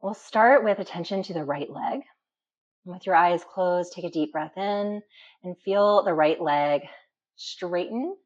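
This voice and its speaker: This is a calm, instructional deep relaxation meditation led by a woman who leaves slow pauses. It comes through as a dull, muffled lo-fi recording.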